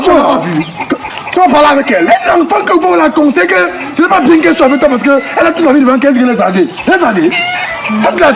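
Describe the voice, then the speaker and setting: A man playing a shrill, indignant accused friend. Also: vocal fry, background noise, heavily acted. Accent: Cameroonian French. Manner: agitated, repeats himself, protests loudly. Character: indignant man accused of flirting, quick to anger. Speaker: actor in a comedy sketch. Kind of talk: comic sketch acting.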